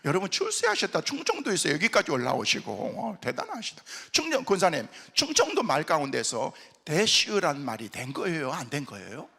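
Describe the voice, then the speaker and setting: Animated, bright-voiced pastor preaching in an echoing hall. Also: male voice, on the high side, fairly quick, gravelly, few pauses, slightly rough. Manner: storytelling, animated, acts out dialogue. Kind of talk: sermon with anecdotes. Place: large worship hall at a prayer retreat. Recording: long hall reverb.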